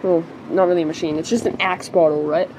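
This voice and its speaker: A girl playing a rambling excited kid brother. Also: fairly low pitch, quick pace, slight background noise, lightly acted, poor audio. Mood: chatty. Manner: rambling, full of "like" and restarts.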